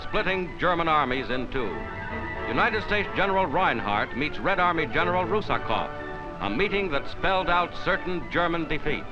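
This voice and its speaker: A man's voice: a little high, animated, normal speed. A man narrating in a dramatic 1940s newsreel style with an emphatic, rousing announcer delivery, heard as old newsreel sound. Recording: muffled 1940s newsreel recording with loud music.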